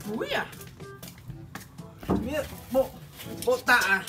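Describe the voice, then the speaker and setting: A man shouting blunt scoldings from a distance across an echoey courtyard, his voice pitched high and strained. Music plays behind him the whole time. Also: huge pitch swings, slow pace. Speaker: relative and prank target. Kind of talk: heated family argument. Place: outdoor courtyard. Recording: echoey yard, far from the mic, music behind.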